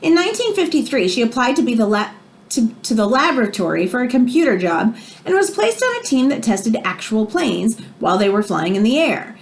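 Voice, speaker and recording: Reading aloud fairly quickly, a female teacher with a slightly high voice and large pitch swings brings a children's nonfiction book to life. She explains as she goes, punches key phrases, and offers brief asides.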